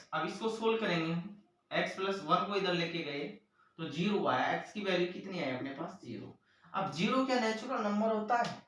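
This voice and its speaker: A man's voice: high-pitched, far from the mic. A male maths teacher giving a classroom lesson, explaining step by step and often calling on the children. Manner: lively, addresses the children again and again, explains step by step. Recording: very echoey room, voice from off the mic.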